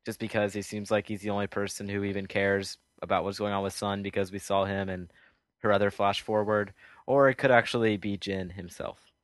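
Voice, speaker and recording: A man's voice: lowish voice, little pitch movement, a little fast, no echo, studio quality. A man co-hosting a podcast, joking around and chiming in with questions and theories. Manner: joking, chimes in with quips and questions. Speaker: podcast co-host. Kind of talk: casual chat.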